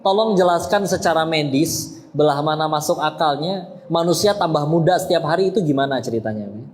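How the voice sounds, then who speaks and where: A man's voice: brisk, slight background noise. Playful preaching man. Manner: playful, acts out quotes, jumps in pitch for imagined objections. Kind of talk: humorous Islamic sermon to a women's audience.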